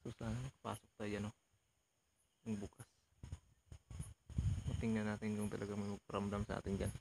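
A young man with a lowish, flat, creaky, slightly mellow voice gives casual commentary at normal speed while ghost hunting for a vlog. He explores outdoors at night around an abandoned building. The recording is noisy, full of insect sounds.

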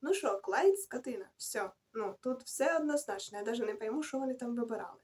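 A woman's voice: a little high, animated, a little fast, a little mellow. A young woman rambling casually through her book reviews in a vlog, correcting herself and adding slangy asides as she goes. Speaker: book vlogger.

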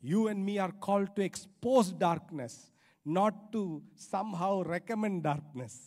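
On a large church auditorium stage, a middle-aged man with an Indian accent preaches a sermon with emphasis, repeating phrases to drive his points home. His voice is high-pitched and darkish in tone, and he speaks unhurriedly. He uses a handheld microphone, and the recording carries the reverberant sound of the hall.

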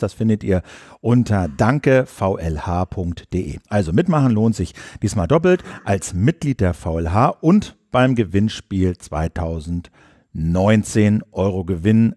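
A man's voice: low-pitched, mellow, dry recording, clean studio sound. A man co-hosting a political podcast, explaining things steadily with the odd filler and reading a sponsor spot. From Germany. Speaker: podcast co-host. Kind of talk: political podcast chat and read ad.

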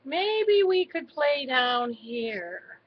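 A woman's voice: high voice, very animated, drawn-out words, highs cut off, exaggerated voice. A woman voicing a shy, careful young male mouse in a storybook reading, speaking hesitantly.

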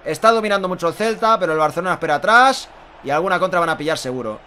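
A man's voice: sits high, lively intonation, very fast, bright, forceful tone, slight background noise. A man in his thirties with an accent from Spain gives live Spanish football goal commentary as a fan, emphatic, repetitive and exclaiming. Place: small indoor room at home.

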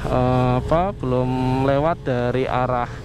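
A man's voice: medium pitch, fairly even intonation, slow pace. A young man, chatting casually to viewers as he rides a motorcycle through heavy traffic. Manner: chatty, addresses viewers warmly as friends. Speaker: motovlogger. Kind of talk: casual narration while riding. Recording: faint traffic noise behind.

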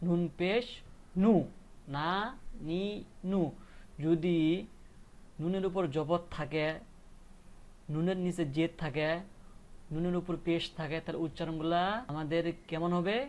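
Slow, patient man drilling letter sounds. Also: on the high side, little pitch movement, darkish tone. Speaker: Quran reading teacher. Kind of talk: step-by-step recitation lesson.

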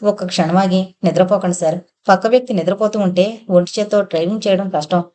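A woman's voice: mid-range voice, steady tone, fast, mellow, lightly acted. A woman voicing a talkative, scheming middle-aged male lorry driver in an audio novel, familiar and polite, calling the passenger sir. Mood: chatty.

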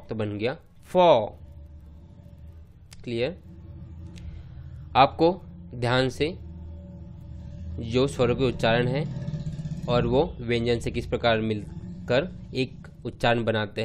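Slow, deliberate male English teacher. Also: medium pitch, slight background noise. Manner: stretches and stresses each sounded-out syllable. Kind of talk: slow classroom phonics lesson.

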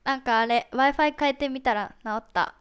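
A woman's voice: high-pitched, moderate pace, fairly bright tone, clean tone. A woman hosting a casual idol livestream, chirpily reading out fan names and thanking them.

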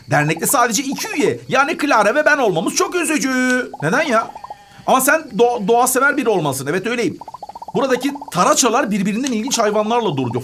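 A woman's voice: fairly high pitch, a bit bright, a little hiss or hum. A woman hosting a children's gaming channel, chatting playfully through a game, humming little tunes and giggling. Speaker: kids' gaming channel host.

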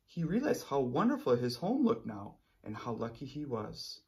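In a small indoor room, a teacher in his thirties reads aloud to children and explains the story expressively, often checking in with his listeners. His gravelly voice is medium in pitch, swings hugely up and down, and keeps a normal speed.

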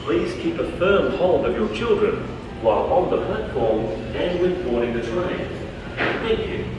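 A man's voice: a little high, very animated, measured pace. A man making a safety announcement to passengers at a train station. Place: train station platform, heard over public address. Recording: distant echoey station PA, noisy platform.

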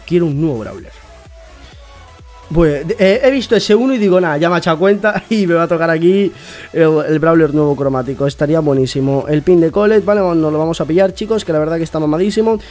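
A young man, chatting excitedly to viewers while opening game rewards. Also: on the high side. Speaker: gaming YouTuber. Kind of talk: casual gameplay commentary.

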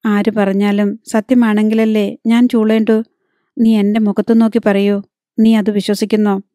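A woman's voice: mid-range voice, flat delivery, normal speed, mellow, no room sound, studio quality, lightly acted. Woman reading a stern, wounded young husband. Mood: hurt, pressing.

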